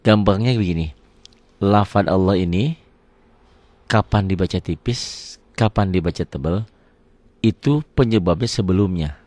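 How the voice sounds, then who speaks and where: A middle-aged man with a low, darkish voice teaches a tajwid lesson on Quran recitation, heard in a dry recording. He patiently repeats words aloud and poses questions to the class that he then answers himself.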